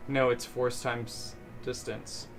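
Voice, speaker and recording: A young man hosting a stream, chatting casually over drinks in an animated, self-mocking way, swearing often. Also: medium pitch, slow pace, over loud music. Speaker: streamer host. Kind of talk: casual chat while drinking.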